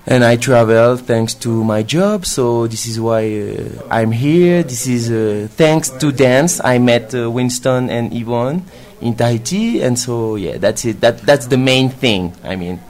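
Guy in his 20s, slow n hesitant talker, guest intro, mid pitch. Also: a little mellow. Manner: halting, hesitant, non-native speech. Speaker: guest dancer and actor. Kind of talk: casual interview introduction.

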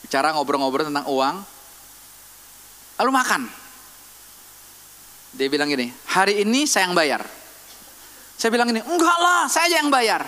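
A man preaching a sermon in a lively, conversational way, teasing the congregation with questions. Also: high voice. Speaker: pastor. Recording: long hall reverb.

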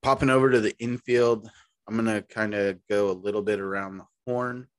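Dude on a sports podcast rambling along, kinda low voice, dry mic. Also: male voice, fairly even intonation, a little fast, no echo. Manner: rambling, easygoing, restarts mid-sentence. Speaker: podcast co-host. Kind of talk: casual sports chat.

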